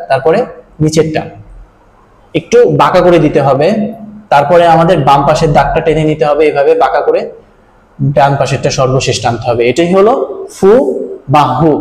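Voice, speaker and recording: A man's voice: a little high, darkish tone. A man teaching a step-by-step video lesson on writing Japanese letters, explaining patiently with small fillers. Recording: echoey room.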